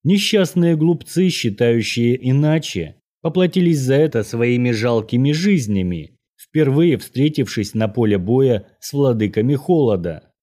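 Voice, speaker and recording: A man voicing an old Norwegian mage, courteous and menacing, who speaks in a measured, formal, lecturing way. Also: medium pitch, animated, dark tone.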